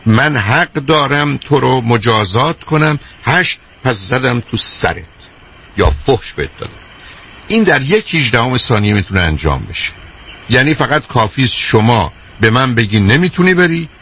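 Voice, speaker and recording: A man with a husky, slightly rough voice talks as a guest expert on a show. He works through a numbered list step by step and slips into the voice of an angry person to act out each point. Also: mid-range voice, very animated, pushed and bright. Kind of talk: explanatory talk on a show.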